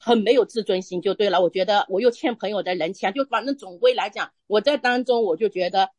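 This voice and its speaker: A woman's voice: mid-range voice, darkish tone, no echo. Woman telling her faith story, earnest, stops and restarts a lot, dry close sound. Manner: earnest, halting with frequent restarts. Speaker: church member sharing testimony. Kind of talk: personal testimony in conversation.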